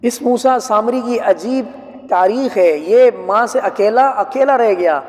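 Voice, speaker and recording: High-voiced male preacher in an echoing hall. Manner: lively storyteller, asks listeners rhetorical questions. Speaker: Quran teacher. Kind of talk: storytelling Quran commentary lecture. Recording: long reverb from a hall.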